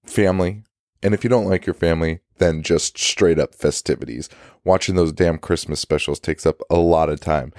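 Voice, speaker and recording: A man hoarse with a cold, his voice cracking, doing a casual, ad-libbed podcast sponsor read as the host. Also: low-pitched, darkish tone, dry recording, clean studio sound. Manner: informal, mildly profane.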